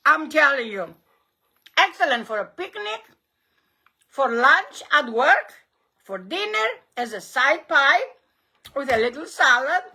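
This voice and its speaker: A woman's voice: high-pitched, big pitch swings, slow, creaky, pauses often, sharp tone, low-quality recording. A woman with a Greek accent leading a hands-on recipe demonstration as a cooking host, encouraging and emphatic, often repeating her phrases.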